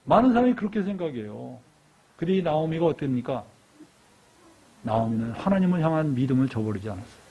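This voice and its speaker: A man preaching a sermon in a church, telling a story with lively questions to the congregation. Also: high voice, slightly rough. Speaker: lay preacher. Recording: dull lo-fi church recording.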